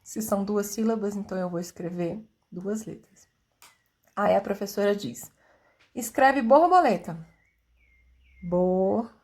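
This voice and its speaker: A woman with a mid-range pitch teaches a lesson on how children learn to write. She explains in a clear, didactic way. She sounds out syllables and acts out a child's reasoning. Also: steady tone, moderate pace, warm tone. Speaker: teacher explaining literacy theory.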